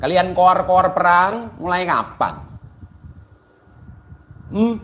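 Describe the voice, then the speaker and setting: A man's voice: high voice, very animated, takes it slowly, a bit bright. A man giving a ranting, taunting commentary, mocking and insulting his target.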